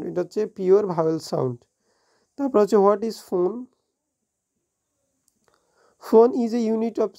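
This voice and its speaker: A woman with a Bengali accent teaching an exam review lesson. She reads English definitions slowly, explains them quickly and often corrects herself. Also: mid-range voice, mellow. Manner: frequent self-corrections and restarts.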